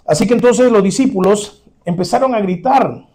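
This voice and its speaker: A male pastor, preaching an animated sermon and acting out the scenes he describes. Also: sits high, normal speed. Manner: animated preaching, dramatic re-enactment, chuckles.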